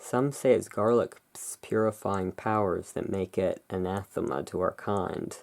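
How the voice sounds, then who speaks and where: Reading and describing tarot cards, this ASMR host takes on the role of a curiosity emporium owner in a soft-spoken roleplay. The voice is low and creaky, very slow, and the manner is hushed, unhurried and musing.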